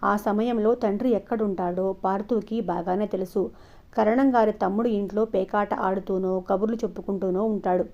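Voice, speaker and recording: Woman storyteller reading a novel out loud, steady and expressive, mellow voice, kinda dull lo-fi audio. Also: medium pitch, normal speed. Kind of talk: scripted narration of an audio novel. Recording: dull lo-fi recording.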